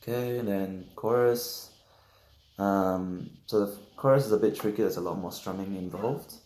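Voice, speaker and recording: A young man giving a casual guitar lesson, halting and full of fillers, correcting himself as he goes, sounding just woken up. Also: deep voice, a little hiss or hum. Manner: hesitant, many fillers, self-correcting. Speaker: guitar teacher. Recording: roomy echo with loud guitar playing.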